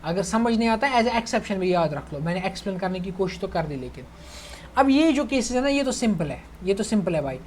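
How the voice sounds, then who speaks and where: A man's voice: high voice, animated, fairly quick, a little mellow, a little hiss or hum. A young man teaching chemistry in a casual online lecture, chatty, calling his students "bhai" and checking that they follow. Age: young adult. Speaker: chemistry tutor.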